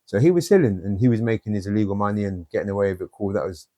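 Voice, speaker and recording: A man's voice: fairly low pitch, lively intonation, very fast, mellow, dry recording, studio quality. A man telling blunt, streetwise stories from his own life in an interview. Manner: blunt, streetwise storytelling with many "you know"s. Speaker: guest.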